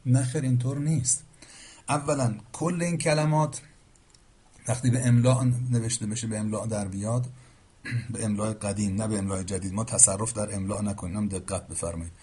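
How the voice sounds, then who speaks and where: A man explaining Quranic reading variants in a formal, patient lecture, reciting verses and often trailing off quietly at the end of phrases. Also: fairly low pitch, steady tone, breathy edge. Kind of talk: explanatory lecture answering a question.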